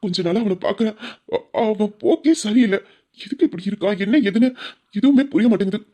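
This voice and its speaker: A woman's voice: medium pitch, a little fast, warm tone. A woman speaking an anxious, questioning inner monologue in an amateur audio drama. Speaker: storyteller voicing the characters.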